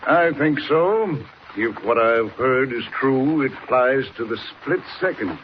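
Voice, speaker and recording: Sinister Professor Hagen, noisy old radio. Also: male voice, mid-range voice, lively intonation, takes it slowly, lo-fi sound. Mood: menacing. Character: sinister gloating male professor, inventor of deadly machine. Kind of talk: 1940s radio serial acting.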